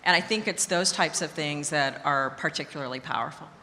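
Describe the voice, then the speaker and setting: A woman executive on a conference panel, speaking in a measured way and listing her points in order. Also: low-pitched, pushed and bright, a little hiss or hum. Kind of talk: panel discussion. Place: conference hall stage. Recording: long reverb of a conference hall.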